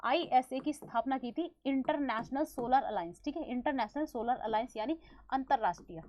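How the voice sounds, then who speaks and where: Fast-talking woman teacher with sore throat. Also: high voice, darkish tone, no room sound. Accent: Hindi. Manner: fast-talking, quizzing students with repeated questions and fillers. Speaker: current affairs teacher. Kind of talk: exam-prep lesson.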